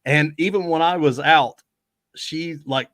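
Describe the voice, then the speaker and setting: A man in his forties hosting a casual chat, easygoing and often pausing with fillers. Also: a little high, a bit bright, no room sound, studio quality. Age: 40s. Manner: easygoing, many fillers and restarts. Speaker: host.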